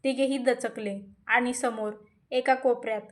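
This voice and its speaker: A woman's voice: on the high side, steady tone, unhurried. Woman narrating a dramatic story.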